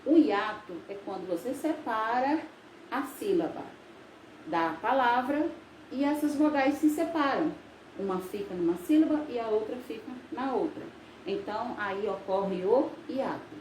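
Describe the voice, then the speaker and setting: A woman from Brazil, a teacher, explaining grammar in a recorded video lesson, slow and patient, with frequent recaps. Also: fairly high pitch, expressive, a little mellow. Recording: echoey room with faint noise.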